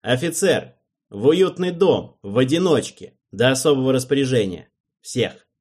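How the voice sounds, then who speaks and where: A man reading an audiobook, voicing a cold, cunning advisor who speaks in a deliberate, icy manner. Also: mid-range voice, animated, darkish tone, pitched above the performer's own voice, lightly acted. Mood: cold command.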